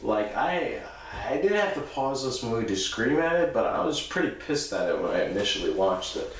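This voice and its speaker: In an echoey room with noise behind him, a male movie review show host delivers an unscripted, crude, profane review, sounding drunk and losing his thread as he rambles. His mid-range voice moves at a moderate pace with big pitch swings.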